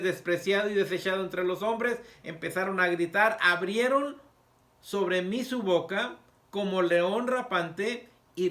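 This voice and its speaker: A male pastor delivers a sermon in a bright, fairly high voice. He reads verses aloud slowly, stopping on key words, and asks the congregation questions to drive each point home. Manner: reads scripture aloud with emphatic pauses and fillers; poses rhetorical questions to the congregation. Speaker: pastor teaching a Sabbath school lesson.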